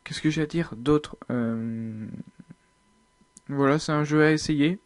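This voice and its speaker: A man's voice: fairly high pitch, takes it slowly, no room sound. A man giving casual, hesitant gameplay commentary, thinking aloud with many fillers. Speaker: video game uploader.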